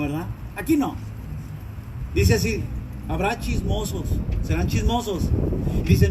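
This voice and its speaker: A pastor preaching a sermon with animated delivery, acting out cries and voices of the people he describes. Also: fairly high pitch. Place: church. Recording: distant mic with clear background noise.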